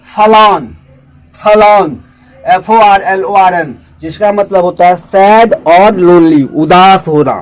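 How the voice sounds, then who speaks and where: A man with an Indian accent teaching English vocabulary in Hindi, spelling each word out and repeating it slowly. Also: sits high, darkish tone, low-quality recording.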